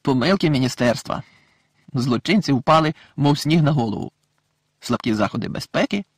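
A man voicing a tired, patient middle-aged wizard father who talks in a calm, sighing way, in an audiobook. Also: mid-range voice, moderate pace, slightly rough, no echo, clean studio sound. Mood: weary.

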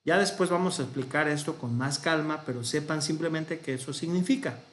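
A man's voice: a little high, fairly quick, a bit bright, echoey room. A man with a Mexican Spanish accent teaching a Hebrew grammar class, explaining patiently and correcting himself as he goes. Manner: patient, thinks aloud, corrects himself mid-sentence.

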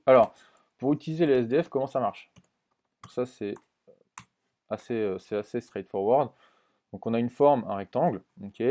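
Speaking at a medium pitch, a man presents a relaxed software tutorial recorded from his screen. Fillers and restarts pepper his think-aloud narration, and he frequently checks in with whoever's watching.

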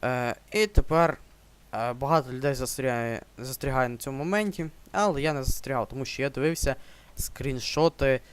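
Playful young man with a smooth voice. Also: mid-range voice, brisk. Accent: Ukrainian. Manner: joking, yelps "whoa" when startled. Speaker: let's play gamer. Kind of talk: horror game commentary.

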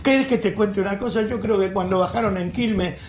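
A man's voice: high-pitched, brisk, darkish tone, echoey room. A man with an Argentine accent delivering an angry, sarcastic editorial monologue as host, full of insults. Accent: Argentine Rioplatense Spanish. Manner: indignant, sarcastic, ranting with insults. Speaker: radio and TV host.

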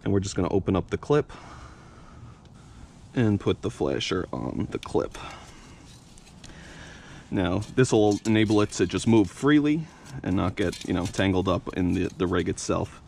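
A young man hosts a fishing channel, talking his way through a hands-on demonstration at an outdoor workbench. His voice is low and gravelly at a normal speed, with frequent pauses and a faint hiss or hum on the recording. He sounds relaxed and leans on fillers like "you know" and "uh."

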